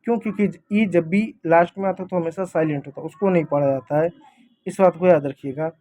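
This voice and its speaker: A man's voice: fairly high pitch, fairly even intonation, fast talker, dark tone. A man teaching a simple lesson in a casual classroom manner, explaining step by step and checking in with "thik hai" often.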